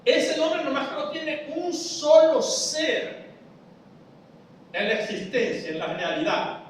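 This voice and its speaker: A high-pitched man speaks slowly from far off in a church hall full of echo. He explains step by step like a teacher and keeps asking the congregation whether they understand. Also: big pitch swings, slight background noise. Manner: explains step by step, asks the audience if they follow. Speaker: preacher teaching a Bible study. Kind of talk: church Bible study lesson. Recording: echoey church hall, voice from afar.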